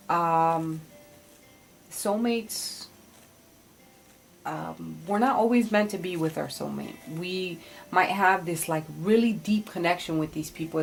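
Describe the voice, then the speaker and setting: A woman reading tarot cards in casual spiritual talk, thinking aloud haltingly and advising bluntly. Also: on the low side, vocal fry. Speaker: tarot card reader.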